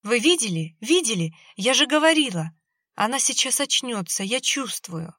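A woman's voice: medium pitch, slow pace, bright, forceful tone, dry recording, studio quality. A woman voicing an anxious mother whose voice trembles as she pleads over her daughter. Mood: trembling, excited.

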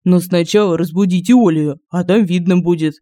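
A man's voice: high-pitched, steady tone, fairly quick, mellow, dry recording, clean studio sound, close to an everyday voice. A man voicing an earnest young male apprentice sorcerer.

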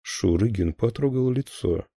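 A man narrating a thriller audiobook in a steady, even storytelling voice. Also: lowish voice, unhurried, breathy edge, no room sound.

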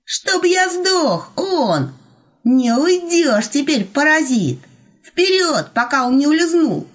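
A woman's voice: extremely high pitch, animated, drawn-out words, a bit bright, highs cut off, pitched above the performer's own voice, heavily acted. A woman doing a hissing, gloating wolf schemer. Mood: gleeful hissing. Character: cunning excitable male wolf schemer.

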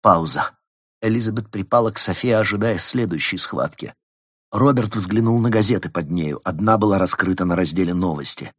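A man reading an audiobook aloud in measured, dramatic scripted narration. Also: lowish voice, breathy edge, no room sound, studio quality. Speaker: audiobook reader.

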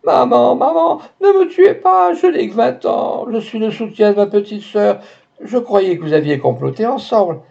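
A man voicing a talkative young female maid in her twenties, quick to explain herself and shrill with fear when threatened, on a dull lo-fi recording. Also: animated, mellow, close to an everyday voice. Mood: terrified. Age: 20s. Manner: chatty, insistent, shrill when frightened.

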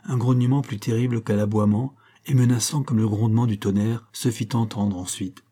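A man narrating a classic novel as an audiobook, in a measured, even storytelling voice. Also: lowish voice. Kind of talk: scripted narration.

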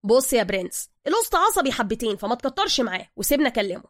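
Brief: a woman doing an eager-to-please Egyptian fixer in an audio story, raised and fast, sweet-talking everyone. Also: on the high side, no echo, clean studio sound. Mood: coaxing. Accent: Egyptian Arabic. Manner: flattering, soothing.

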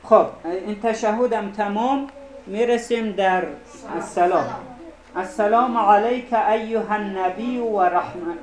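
Man teaching recitation in an echoey classroom. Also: high voice. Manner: slow, deliberate, repeats words to correct pronunciation. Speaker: Arabic teacher. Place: seminary classroom. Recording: roomy classroom echo.

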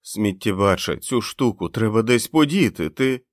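A man voicing a terrified male henchman who speaks hoarsely and trembles as he coaxes. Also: on the low side, lively intonation, normal speed, no echo, clean studio sound, lightly acted. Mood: urgent pleading.

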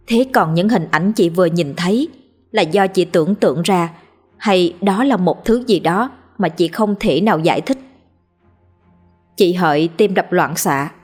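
A woman's voice: fairly low pitch, breathy edge. Somber woman narrating a ghost story. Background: faint music.

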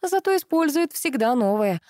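An excitable amateur sleuth in an audiobook, voiced by a woman reader. She speaks in a lively way and is quick to exclaim, with a mellow, darkish tone. The recording is dry and close. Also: high-pitched, no room sound, voice pushed up. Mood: animated. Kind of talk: audiobook dialogue reading.

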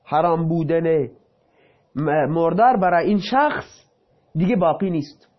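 A man with a somewhat high voice teaches a lesson. He reads a passage aloud, then explains it in loose, casual speech. The recording is dull and lo-fi. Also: lively intonation. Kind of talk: reading and explaining a text.

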